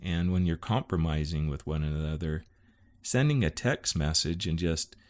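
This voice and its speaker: A middle-aged man co-hosting a marriage podcast in casual chat, easygoing and halting, with fillers and restarts. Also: extremely low pitch. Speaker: podcast co-host.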